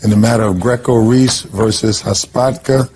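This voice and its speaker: A man's voice: lowish voice, fairly even intonation, moderate pace, darkish tone, a little hiss or hum, low-quality recording. Male bailiff making formal court announcements.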